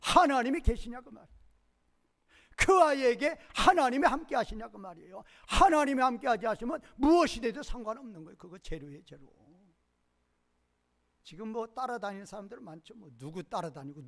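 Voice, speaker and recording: A male pastor preaching a sermon, quizzing the congregation with repeated questions and swinging between loud emphasis and quiet low asides. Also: expressive, brisk.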